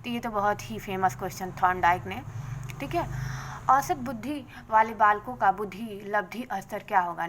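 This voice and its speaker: A woman teacher going briskly through exam questions and their answers, adding a quick "okay" after each answer. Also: medium pitch, fairly bright tone, slight background noise, rough recording. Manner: brisk, adds "theek hai" after answers.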